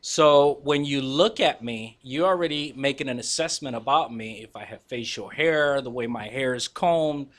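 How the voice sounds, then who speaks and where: A man's voice: medium pitch, moderate pace, hardly any pauses. A man from Guatemala whose first language is Spanish, speaking confidently and emphatically as a body language teacher guesting on a radio talk show. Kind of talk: casual radio interview.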